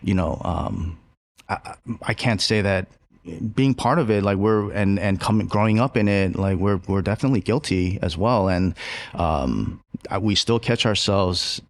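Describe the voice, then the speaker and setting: A chef who co-owns a restaurant chats on a casual podcast, sounding reflective and halting, full of fillers and restarts. His voice is male and deep.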